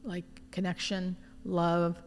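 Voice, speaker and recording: Expressive woman in an echoey room. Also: on the low side, slow, a little hiss or hum. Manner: informal, expressive, often quoting imagined dialogue. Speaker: hospice nurse being interviewed. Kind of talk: candid conversational storytelling.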